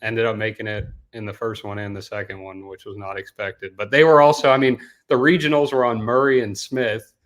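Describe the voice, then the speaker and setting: Laid-back young man, rambling, lowish voice. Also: brisk, hardly any pauses. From Denmark. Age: young adult. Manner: relaxed, rambling, says dude a lot. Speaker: guest, professional bass angler. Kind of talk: casual podcast interview.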